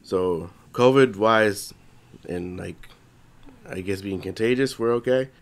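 A man's voice: fairly low pitch, slow pace. A young man, congested, co-hosting a podcast in casual, rambling chat full of swearing and restarts. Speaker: podcast co-host.

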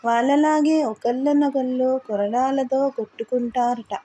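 A woman reading the lines of a gossiping widowed neighbor, speaking low and confidingly. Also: steady tone, unhurried, dark tone.

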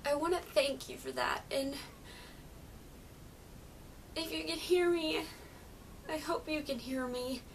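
A young woman acts out a melancholy, grieving daughter in a dramatic monologue. Her voice is high, tearful and very slow, halting between phrases. It is picked up from a little way off in a room with rumbly background noise. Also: gravelly, far from the mic, heavily acted. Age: young adult. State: crying. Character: grieving adult daughter, melancholy, tenderly saying goodbye. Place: small plain room, indoors.

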